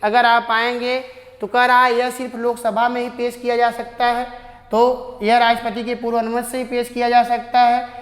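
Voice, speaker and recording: A woman teacher going through exam questions one at a time, reading each English question slowly and then explaining the answer in Hindi. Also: a little high, completely flat delivery. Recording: echoey room with long reverb.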